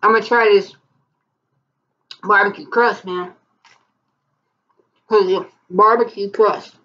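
Lady chewing pizza while she talks, chill drawl, mid pitch, kinda dull lo-fi audio. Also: fairly even intonation, slow, a bit bright. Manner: laid-back, drawling, peppered with "man" and "bro". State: mouth full of pizza. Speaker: food review vlogger. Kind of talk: casual food review. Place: on a bed in a bedroom.

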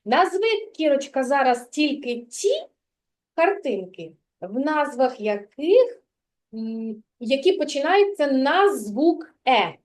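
A woman's voice: high-pitched, very animated, takes it slowly, darkish tone. A woman teaching a preschool reading lesson, patiently asking a child simple questions and encouraging her. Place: kindergarten classroom.

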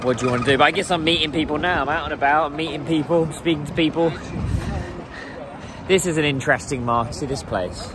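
A man's voice: on the high side, quick pace. English man, 30s, rambling selfie vlog, crowd chatter all around. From England. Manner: chatty, rambling, laughs often. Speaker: vlogger. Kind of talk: casual walking vlog. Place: busy indoor food market. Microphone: phone at arm's length. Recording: noisy crowded market ambience. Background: crowd chatter and market noise.

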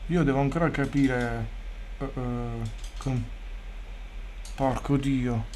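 A man streaming a sports video game, chatting casually, swearing freely and bursting into loud excited shouts. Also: mid-range voice, takes it slowly, a little hiss or hum. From Italy. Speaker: gaming streamer. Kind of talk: casual gameplay commentary.

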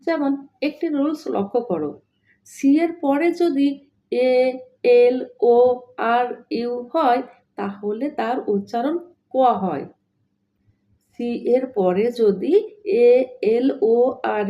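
A woman's voice: a little high, expressive, slow pace, pauses often, highs cut off. A woman teaching English pronunciation step by step, repeating each rule twice and spelling words letter by letter. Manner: addresses listeners as dear learners. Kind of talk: slow step-by-step pronunciation lesson.

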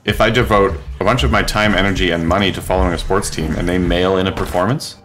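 A man's voice: sits low, steady tone, quick pace, music in the background. A man co-hosting a let's play, chatting in a dry, laid-back way while he plays. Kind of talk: casual gameplay banter.

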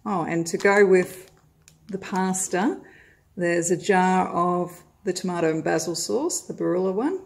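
A middle-aged Australian woman vlogs a grocery haul at home, filming the table of groceries from above on her phone. Her voice sits on the low side with vocal fry, and she talks a little slowly. She's friendly and chatty, dropping in plenty of "uh" fillers.

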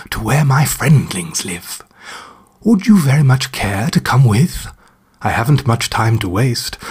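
A man's voice: medium pitch, a little mellow, husky, heavily acted. A man putting on a velvety old movie-star cat. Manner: speaks in rhymes, old movie star airs. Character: old male cat, soft velvety deep voice, grand.

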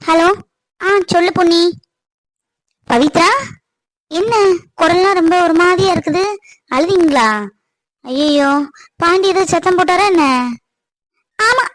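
A woman doing a tearful, gentle young woman. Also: very high-pitched, fairly even intonation, unhurried, pauses often, dry recording. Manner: pleading, sorrowful. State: crying. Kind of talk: cartoon voice acting.

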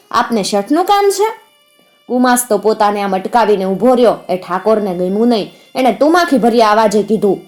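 A woman with a Kathiyawadi Gujarati accent narrating a folk tale in a steady, vivid manner. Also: mid-range voice.

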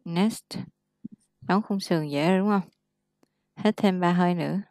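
A woman's voice: on the low side, moderate pace, a little mellow, no room sound. A woman tutoring English one-on-one, patiently correcting pronunciation and explaining words.

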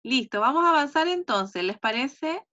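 A Chilean woman teaching first graders in an online class, explaining patiently and slowly to small children. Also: high voice, lively intonation, bright, forceful tone. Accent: Chilean Spanish. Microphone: video call. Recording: dull lo-fi video call audio.

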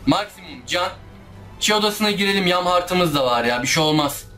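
With a high, expressive, sharp-toned voice at normal speed, a gaming YouTuber gives casual let's-play commentary over faint game music. Frustrated, he swears often and talks back to the game.

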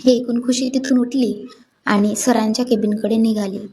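Woman reading a love story out loud, steady and calm, faint ambience behind. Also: on the high side, normal speed, a little hiss or hum. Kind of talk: scripted story narration.

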